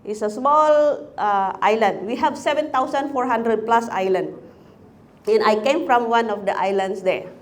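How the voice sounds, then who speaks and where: A woman's voice: a little high, measured pace. A woman from the Philippines giving a chaplaincy talk, chatty, asking the audience questions. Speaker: chaplaincy speaker.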